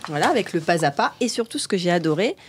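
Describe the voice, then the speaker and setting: A woman hosting an interview show, chatty and lively as she introduces and questions her guests. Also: fairly low pitch, fast, a little hiss or hum. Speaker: host.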